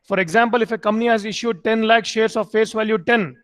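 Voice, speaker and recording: Brief: high-pitched male lecturer, repeats and quizzes students. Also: fairly even intonation, fast, a bit bright. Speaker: MBA lecturer. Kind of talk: online class lecture.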